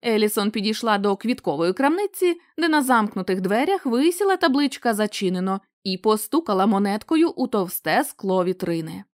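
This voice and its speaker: Woman reading an audiobook story, super expressive, dry close sound. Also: mid-range voice, normal speed, hardly any pauses, no echo. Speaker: audiobook reader. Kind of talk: scripted story narration.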